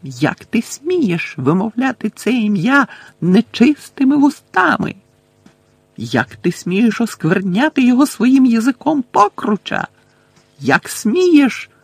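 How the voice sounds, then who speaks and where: A man voicing a fanatical dark witch who screeches and hisses with rage in an audiobook. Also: mid-range voice, very animated, slow, husky, no echo, full character voice. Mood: screeching.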